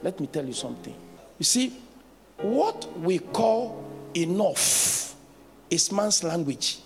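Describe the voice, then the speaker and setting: Gravelly high-voiced bishop preaching. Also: male voice, sing-song, takes it slowly. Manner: storytelling with laughs and call-outs to the congregation. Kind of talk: sermon. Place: large church hall. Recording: long church reverb, faint music.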